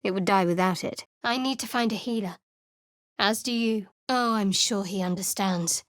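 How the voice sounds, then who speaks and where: Recorded close on a studio mic with no room sound, a woman voices a guarded young cleric for a video game. Her natural, medium-pitched voice moves at normal speed, dry, cutting and sardonic.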